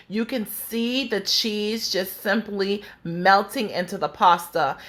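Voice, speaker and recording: A woman from the Bahamas hosts a home cooking tutorial. She talks her viewers through each step in a chatty, friendly way and keeps calling them "guys." Her voice sits at an ordinary middle pitch. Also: fairly bright tone. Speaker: cooking show host.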